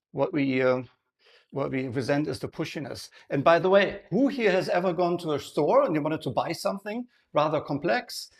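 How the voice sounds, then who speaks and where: A man with a German accent presenting a live sales workshop, often checking in with the audience and restarting his sentences. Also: fairly high pitch. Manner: engaging, asks the audience frequent questions; halting, many restarts and fillers.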